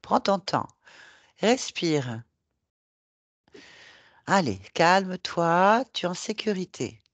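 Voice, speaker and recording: A woman hypnotherapist guiding a hypnosis session, coaxing and reassuring with gentle repetition. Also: fairly low pitch, sing-song, slow pace, no echo.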